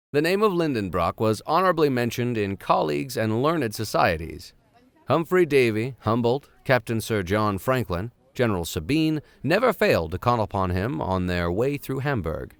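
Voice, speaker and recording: A man with a fairly low voice serves as host and reader for a classic novel, tossing cheeky, slangy asides into the formal narration. There's no echo on the recording.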